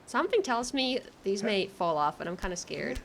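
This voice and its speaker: A woman doing casual live game commentary for her stream chat, excitable and nervous, with giggles and exclamations. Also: mid-range voice, moderate pace, creaky, a little hiss or hum.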